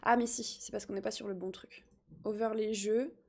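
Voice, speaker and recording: A woman streaming live, chatting excitedly with her viewers while fixing her setup. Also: medium pitch, moderate pace, vocal fry. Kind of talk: live gaming stream chat.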